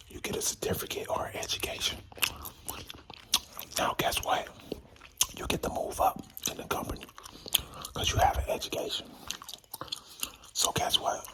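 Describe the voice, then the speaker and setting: A man whispering a rambling, slangy, informal ASMR talk while chewing gum, with mouth sounds. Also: low-quality recording. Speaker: ASMR creator.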